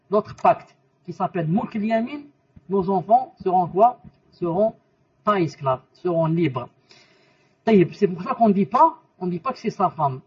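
Professeur de religion à la voix voilée. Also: male voice, sits high, husky. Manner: explains by asking questions and repeating answers; mixes in Arabic terms and quotations. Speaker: religious teacher. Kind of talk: religious lesson to students. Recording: muffled voice from a distance.

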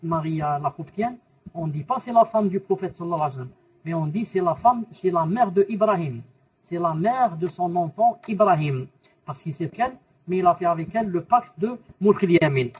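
Man, religious teacher: husky, high voice, mixes Arabic terms into the lesson, muffled recording from a distance. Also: expressive, brisk. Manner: explains by asking questions and repeating answers.

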